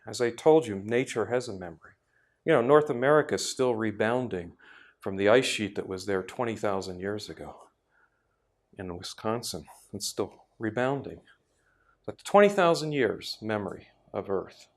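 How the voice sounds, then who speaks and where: Brief: male workshop speaker, thoughtful, halting restarts, mid-pitched voice. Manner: thoughtful, with frequent restarts and pauses. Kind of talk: reflective lecture. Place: workshop room.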